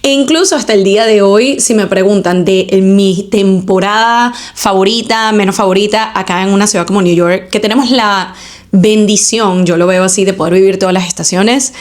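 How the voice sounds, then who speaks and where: A Venezuelan woman in her thirties talks to her listeners in a casual solo podcast. Her voice sits at a middle pitch, and her talk is chatty, with English words slipped into her Spanish. She records indoors at home. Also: normal speed. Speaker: podcast host.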